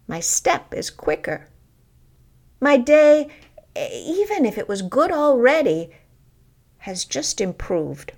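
Expressive, slow-paced woman narrating a personal essay. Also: fairly high pitch. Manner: deliberate, expressive storytelling with pauses.

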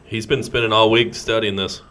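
A man's voice: on the low side, fairly even intonation, normal speed, a bit bright. A man co-hosting a casual sports podcast, joking, laughing often and reading out a friend's picks. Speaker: podcast co-host.

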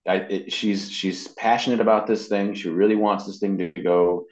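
This man, a voice actor and web designer, is a guest in a casual, rambling interview, sharing anecdotes about his work. His voice is on the low side, with a steady tone at normal speed. The recording sounds dull, roomy and lo-fi.

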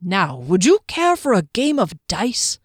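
A woman voicing a small, tipsy, overly polite male halfling gentleman who rambles fussily. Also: medium pitch, wildly swooping pitch, unhurried, breathy edge, dry recording, clean studio sound, heavily acted. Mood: genial rambling.

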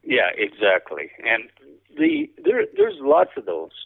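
A man chatting casually as an interview guest, a cowboy poet with a halting, rambling, folksy storytelling manner. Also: mid-range voice, wildly swooping pitch, creaky, slightly rough. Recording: thin band-limited radio or phone-like sound.

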